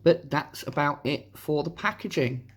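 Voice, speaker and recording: A man hosting a casual, chatty toy review, his voice hoarse from a sore throat. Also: fairly high pitch, animated, normal speed, a bit bright, a little hiss or hum. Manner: informal, chatty. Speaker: host of a toy review channel.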